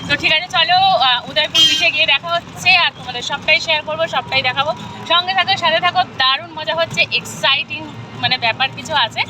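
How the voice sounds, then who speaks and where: A chatty woman speaks to her viewers in a slightly high voice. She vlogs on a handheld phone, and loud outdoor and traffic noise runs under her casual talk. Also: fast talker, a crowd in the background. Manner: chatty, addresses viewers directly. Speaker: vlogger. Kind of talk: casual travel vlog.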